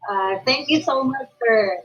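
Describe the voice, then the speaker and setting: A hoarse woman with a Filipino accent, a teacher sharing her experience on a video call, speaking haltingly with many fillers. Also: high voice, a bit bright. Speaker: teacher sharing in an online course. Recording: dull lo-fi video call audio.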